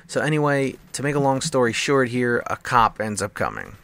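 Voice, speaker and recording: A man's voice: mid-range voice, normal speed, creaky, fairly bright tone. A young man casually telling a long personal story over gameplay, rambling with lots of fillers. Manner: rambling, filler-heavy, acts out quoted voices. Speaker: gameplay commentator.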